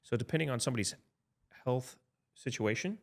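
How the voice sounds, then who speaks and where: A man of about fifty, an insurance advisor, explaining coverage in a relaxed podcast chat, often checking in with "right?" and restarting sentences. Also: mid-range voice, fairly quick. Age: 50s. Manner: chatty, frequent "right?" tag checks and restarts.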